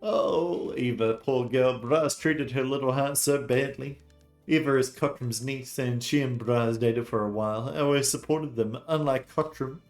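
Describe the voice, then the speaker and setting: Man putting on a pompous noble aunt, high-pitched, loud, theatrical, quick to take offense, faint game music. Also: lightly acted. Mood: pitying. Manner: theatrical, scandalized exclamations. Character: haughty noble aunt, gossipy, indignant. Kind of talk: voicing video game dialogue.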